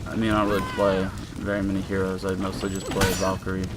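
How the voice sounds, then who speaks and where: A man's voice: low-pitched, completely flat delivery, quick pace, heavy background noise. A young man rambling casually through a voice-over commentary on his own game footage, with lots of fillers and restarts. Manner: rambling and laid-back, with many fillers and restarts.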